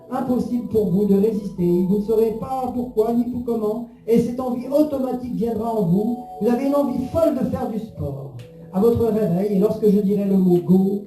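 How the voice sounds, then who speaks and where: A man's voice: high-pitched, warm tone. A man leading a guided hypnosis session in a soothing, repetitive, suggestive manner. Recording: roomy echo under music.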